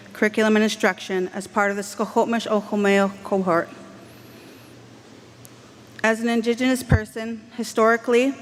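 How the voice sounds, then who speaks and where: A woman from Canada giving a formal graduation address, measured, earnest and heartfelt, speaking into a podium microphone. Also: medium pitch. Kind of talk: formal convocation speech. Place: large indoor ceremony hall. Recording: long hall reverb, faint background hiss.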